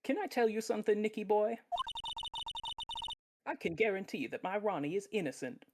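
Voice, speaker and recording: A woman's voice: mid-range voice, animated, normal speed, heavy background noise, voice pushed up, close to an everyday voice. A woman voicing a doting, sly wife who swears to protect her husband, sugary and theatrical. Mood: sugary scheming.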